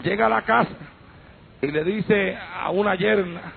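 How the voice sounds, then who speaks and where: A man preaching a fervent Pentecostal sermon, telling stories and breaking into shouted praise, on a tinny old radio recording. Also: high voice, measured pace, gravelly, a little hiss or hum.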